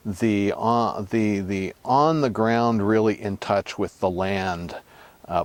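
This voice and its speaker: A man telling a travel story in a casual way, with many pauses, fillers and restarts, growing animated at the high points. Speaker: storyteller recounting a trip.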